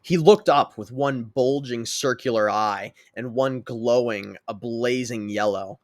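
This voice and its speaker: A man narrating a fan story in a dramatic, lively way. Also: mid-range voice, a little slow, no echo.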